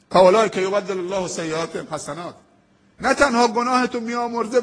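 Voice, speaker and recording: A man preaching a sermon with a high, husky voice. He tells the story emphatically, with dramatic pauses, and slows right down when he quotes prayers. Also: fairly bright tone.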